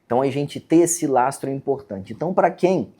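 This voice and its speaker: Fairly quick and expressive, this neurosurgeon podcast host has a medium-pitched, mellow voice with a breathy edge and a Brazilian Portuguese accent. Chatting casually and earnestly in the studio interview, he restarts hesitantly and keeps tagging lines with "tá?".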